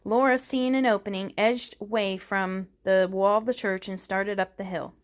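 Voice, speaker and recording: A woman reads a novel aloud with steady, measured narration. Her pitch sits in the middle range. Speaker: reader.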